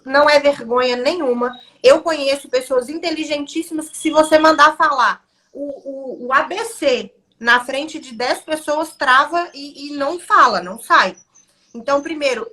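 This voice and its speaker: Bright high Brazilian woman lawyer. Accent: Brazilian Portuguese. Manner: emphatic, advising, lively storytelling. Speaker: criminal defense lawyer, guest. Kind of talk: podcast conversation.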